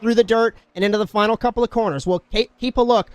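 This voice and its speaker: A man calling a race as play-by-play commentator, excitable and shouting at the big moments. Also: sits high, fast, faint music behind.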